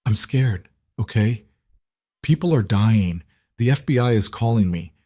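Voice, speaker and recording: A man's voice: fairly low pitch, animated, measured pace, mellow, no echo, clean studio sound. A man voicing a frightened young woman caught in mob danger, pleading and tearful, in an audiobook character reading.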